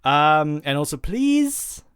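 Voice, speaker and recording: A man hosts a casual podcast. His voice is smooth and resonant and sounds dry, with no room echo. He rambles, with plenty of fillers and restarts. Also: fairly high pitch, very animated, takes it slowly, a bit bright. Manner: rambling, with many fillers and self-corrections. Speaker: podcast host.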